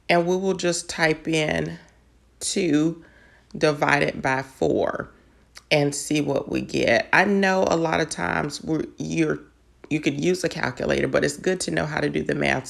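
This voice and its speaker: A woman's voice: sits low, creaky. A woman patiently explaining math step by step in an online lesson. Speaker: math teacher.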